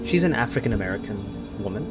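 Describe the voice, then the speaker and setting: A man's voice: fairly low pitch, lively intonation, very fast, loud music behind the voice. A man running a tabletop role-play game as game master; he narrates scenes and explains them with hesitant restarts.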